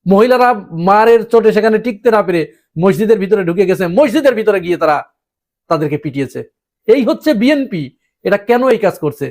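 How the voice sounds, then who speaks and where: High-voiced man giving political commentary. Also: lively intonation, fast, darkish tone. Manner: rhetorical questions, emphatic. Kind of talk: opinion monologue to camera.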